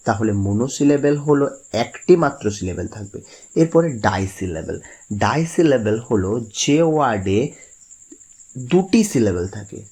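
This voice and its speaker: A man teaching a grammar lesson, explaining patiently and drawing out example words slowly. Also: medium pitch, a little mellow.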